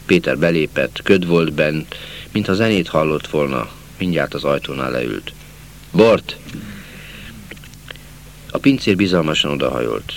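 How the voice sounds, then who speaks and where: A man reading a literary novel aloud as an audiobook narrator, slow and measured, dropping to a hush at sad passages. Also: rumbling low, lively intonation, gravelly, a little hiss or hum.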